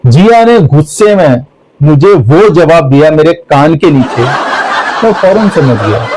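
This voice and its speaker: Young male stand-up comic, high voice, lively storyteller who acts out his dialogue, faint noise behind. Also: unhurried. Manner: animated storytelling with acted dialogue and sudden shouts. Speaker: stand-up comedian. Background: audience laughter.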